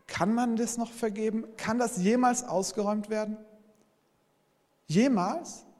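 A man with a fairly high voice preaching in earnest, turning again and again to address his congregation directly. His voice rings out with a long reverb, as if it fills a big church hall. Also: unhurried, a little mellow. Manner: earnest, speaks straight to listeners with frequent "hey". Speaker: pastor. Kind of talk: sermon.

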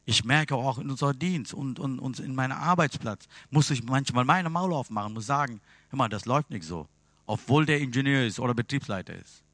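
Earnest preacher, bright and dry. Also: male voice, medium pitch, brisk, no room sound. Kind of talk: sermon.

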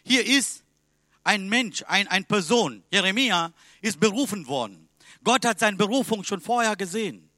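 A man preaching a sermon in a language that is not his first, emphatic and swinging between loud and quiet. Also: sits high, lively intonation, normal speed, dry recording, studio quality.

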